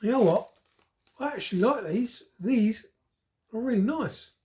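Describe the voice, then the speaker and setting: Mellow woman reviewing snacks. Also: fairly high pitch, animated, unhurried. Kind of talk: casual food review.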